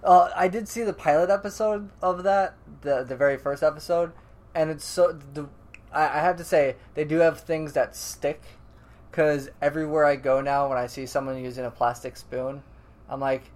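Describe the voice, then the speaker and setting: A man's voice: a little high, fairly even intonation, normal speed, darkish tone. A man co-hosting a podcast in casual chat, rambling and restarting his sentences, often laughing. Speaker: podcast co-host.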